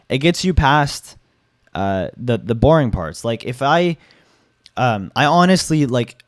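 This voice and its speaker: Hoarse young man rambling casually. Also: fairly low pitch, no room sound, clean studio sound. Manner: rambling, many fillers and restarts, casual swearing. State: hoarse, losing his voice. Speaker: gaming YouTuber. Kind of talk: casual opinion vlog.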